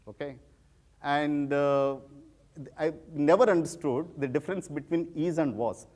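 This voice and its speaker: A man's voice: a little high, darkish tone. A middle-aged man with a heavy Telugu Indian accent, giving an informal public talk and repeating words for emphasis. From rural village in India. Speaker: guest speaker, former civil servant turned social entrepreneur.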